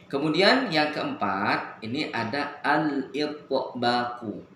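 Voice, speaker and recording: A man teaching Quran recitation on the radio, slowly drawing out Arabic letter sounds as he demonstrates them. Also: mid-range voice, very animated, sharp tone, roomy sound, a little hiss or hum. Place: radio studio.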